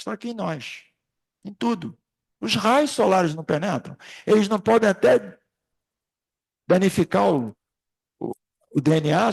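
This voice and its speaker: Man, very gravelly, raspy, class facilitator, rambling anecdotes. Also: high-pitched. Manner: rambling, anecdotal, addresses the group directly. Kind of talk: informal spiritist study class. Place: classroom at a spiritist center.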